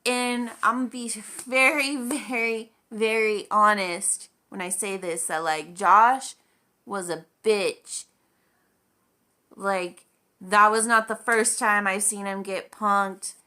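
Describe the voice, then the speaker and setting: A woman's voice: medium pitch, steady tone, slow, sharp tone, smooth. A woman vlogger telling a story in a casual, chatty way, full of "like" and acted-out quoted dialogue.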